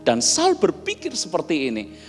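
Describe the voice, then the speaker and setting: Animated pastor man. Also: fairly high pitch, moderate pace. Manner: chatty, animated, acts out dialogue. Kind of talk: sermon with storytelling. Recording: long reverb, soft music behind.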